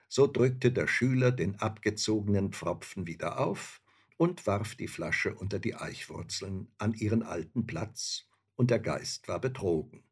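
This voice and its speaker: A man narrating a fairy tale in a slow, measured storytelling manner. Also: lowish voice, breathy edge.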